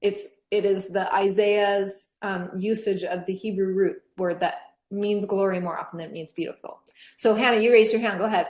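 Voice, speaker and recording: A woman teaching a scripture class to teens in a chatty, animated way with frequent laughs and fillers. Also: mid-range voice, normal speed, roomy sound.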